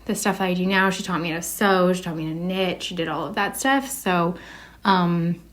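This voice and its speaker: An artist with a Canadian accent answers interview questions casually and without a script, a bit hesitant as she thinks aloud. Her voice is lowish and a little fast.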